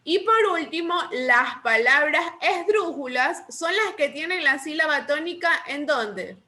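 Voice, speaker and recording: A woman teacher leading a remedial class, patiently quizzing students with repeated questions and dictating rules slowly. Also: sits high, expressive, sharp tone. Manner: slow deliberate dictation of rules.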